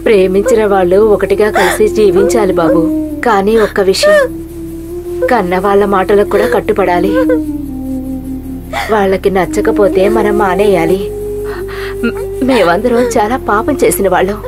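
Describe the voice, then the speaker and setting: A woman's voice: medium pitch, fairly even intonation, moderate pace, pauses often, over loud music, lightly acted. A middle-aged woman voicing a fisherman's mother who pleads with the young pair and threatens her enemies, in a dubbed film drama. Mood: pleading. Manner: imploring, turns to hard threats. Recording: loud film score underneath.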